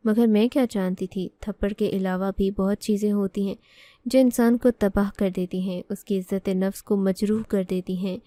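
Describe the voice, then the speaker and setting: Woman telling a story in first person, very mellow dark voice, dry close sound. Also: mid-range voice, no echo.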